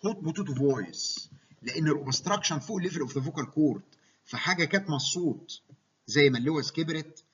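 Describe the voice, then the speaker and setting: Man, Egyptian accent, medical lecturer, rapid delivery, husky voice, dull lo-fi recording. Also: fairly high pitch, a bit bright. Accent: Egyptian Arabic. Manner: mixes English medical terms into Egyptian Arabic, asks students to check understanding.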